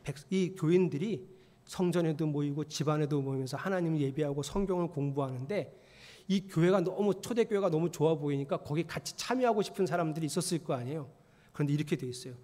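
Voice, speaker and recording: A male pastor preaching a sermon in a church, swinging between loud exclamations and hushed, whispered lines. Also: a little high, fast talker. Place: church sanctuary. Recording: long reverb of a church hall.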